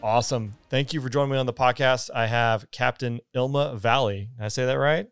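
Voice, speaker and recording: Man, Southern accent, podcast host, friendly, gravelly voice, faint music behind. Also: medium pitch, steady tone, brisk, fairly bright tone, no echo. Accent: Southern American. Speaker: podcast host, Air Force recruiter. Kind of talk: casual podcast interview.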